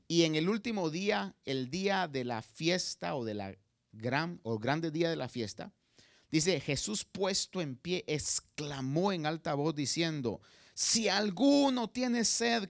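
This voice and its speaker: A man preaching a sermon, emphatic and dramatic, swinging between loud cries and quiet asides and speaking straight to his listeners. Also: on the high side, dry recording, clean studio sound. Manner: addresses the listener directly with asides.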